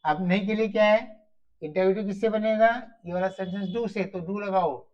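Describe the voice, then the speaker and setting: A man teaching grammar in a Hindi-mix, explaining slowly and repetitively, asking and answering his own questions. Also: high voice, fairly even intonation. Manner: mixes Hindi and English. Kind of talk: classroom-style grammar lesson. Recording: dull lo-fi recording.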